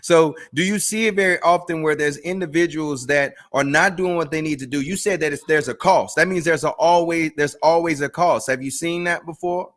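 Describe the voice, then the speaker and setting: A man's voice: a little high, a little fast, few pauses, a bit bright. A man co-hosting a motivational talk show, coaching earnestly and checking in with "right?" and small laughs. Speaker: co-host.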